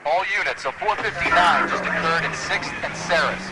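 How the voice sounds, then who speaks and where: An actor playing a businesslike American police radio dispatcher in a period game, speaking in clipped, procedural phrases. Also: male voice, fairly high pitch, moderate pace, very noisy, natural voice. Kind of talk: 1940s police radio acting.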